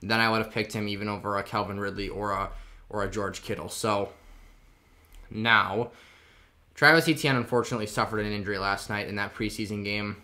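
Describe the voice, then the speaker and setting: A man's voice: lowish voice, fairly even intonation, brisk, bright, forceful tone. A man hosting a casual fantasy football draft video, talking with a sore, swollen mouth after having his wisdom teeth out. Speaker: video channel host.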